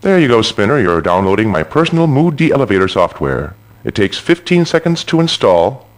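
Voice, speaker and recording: A smooth robot radio host. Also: male voice, lowish voice, very animated, moderate pace, background noise. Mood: smooth, superior. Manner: smooth radio-host patter with sudden menacing swings. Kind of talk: video game radio show acting.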